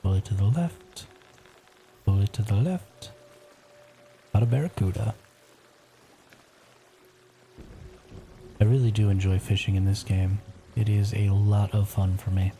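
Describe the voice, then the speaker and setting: Whispering man streamer, dark soft voice. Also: on the low side, normal speed, long pauses, faint music behind. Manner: whispering quietly. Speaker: live streamer. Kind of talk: casual gameplay stream chat.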